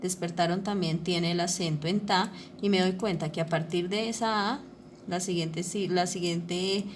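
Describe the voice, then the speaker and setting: A woman's voice: fairly low pitch, fairly even intonation, moderate pace, a little hiss or hum. A woman teacher explaining a lesson over slides, patient and repetitive, checking often that her listeners follow. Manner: patient, repeats ¿listo? and ¿cierto? to check understanding.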